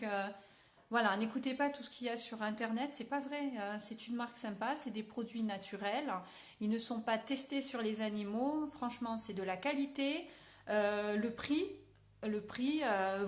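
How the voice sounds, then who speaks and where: A woman's voice: a little high, roomy sound. A young French woman chatting casually as she sells makeup on a live stream, upbeat and full of fillers.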